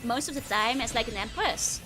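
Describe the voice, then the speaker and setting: Woman, cute anime-streamer manner, high voice, casual gaming chat, giggly, game music behind. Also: normal speed. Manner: giggles often. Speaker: livestreamer host.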